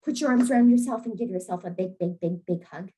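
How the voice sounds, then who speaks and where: A woman who facilitates an early years program, gently demonstrating calming breathing techniques with an encouraging manner and easy laughter. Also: mid-range voice, fast, rough recording. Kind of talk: friendly instructional demonstration.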